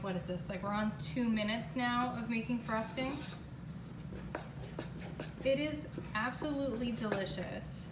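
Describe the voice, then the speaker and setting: A woman giving a casual, chatty home cooking demonstration in a kitchen, talking in an emphatic, exclamatory way. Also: fairly high pitch. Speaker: home baking show host. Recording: roomy, distant mic, clear background noise.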